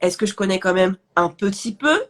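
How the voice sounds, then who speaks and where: A woman business coach with a nasal voice chats casually on a live stream about confidence and speaking up. Her mid-range voice is animated, a bit bright, and a little fast.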